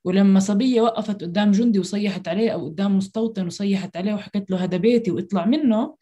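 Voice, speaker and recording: Woman, Palestinian Arabic accent, quick pace, earnest, explanatory, conversational interview guest. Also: medium pitch, mellow.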